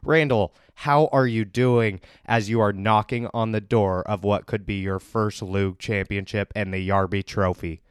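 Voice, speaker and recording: A man with a low, smooth, resonant voice hosts a casual fantasy sports podcast. He talks up the matchups with upbeat, hype-building banter. The sound is dry and close to the mic. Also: fairly even intonation, moderate pace, few pauses, dry recording. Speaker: podcast host and league commissioner.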